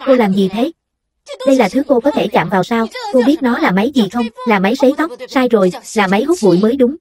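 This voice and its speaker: A woman's voice: on the high side, lively intonation, fast talker, crowd noise, close to an everyday voice. A woman reading a harsh, scornful salon boss. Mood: scolding. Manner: scolding, belittling.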